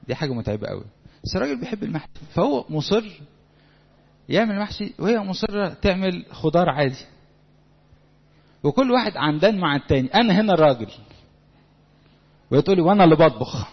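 Fast Egyptian preacher in a big hall. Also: male voice, fairly high pitch, husky. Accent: Egyptian Arabic. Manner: lively, conversational, acts out quotes. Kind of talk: sermon to young people. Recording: lo-fi recording in a reverberant hall.

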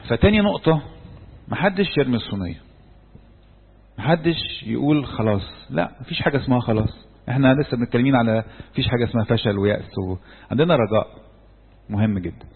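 A man's voice: medium pitch, lively intonation, quick pace, long pauses, breathy edge. A man with an Egyptian Arabic accent giving a church talk, questioning his listeners and answering himself. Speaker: church speaker. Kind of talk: sermon-style talk to a group. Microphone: handheld microphone. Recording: echoey hall on a tinny phone-like recording.

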